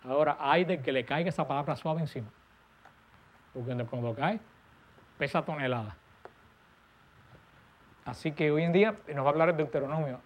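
A man preaching a sermon, stressing key words and letting his voice fall soft and low at the ends of phrases. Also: moderate pace, long pauses, slight background noise.

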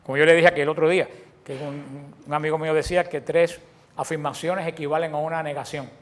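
A man preaching a sermon, asking his listeners questions and answering them himself, often restarting his phrases and swinging between loud and soft. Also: a little high, steady tone, fast.

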